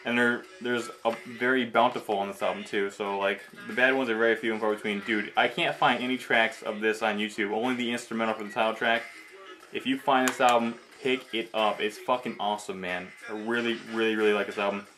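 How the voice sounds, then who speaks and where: A young man with a lowish, fairly even voice talks quickly and sharply as a video host showing off his collection. It's a casual, enthusiastic vlog chat, full of slang and swearing, recorded on amateur equipment.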